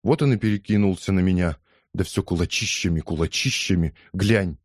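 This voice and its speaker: A man's voice: sits low, fairly quick, darkish tone, slightly rough, dry recording, studio quality. A man voicing an indignant older woman who scolds and rambles in an audiobook. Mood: outraged. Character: indignant older woman, loud gossiping mother. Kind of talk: audiobook character voice.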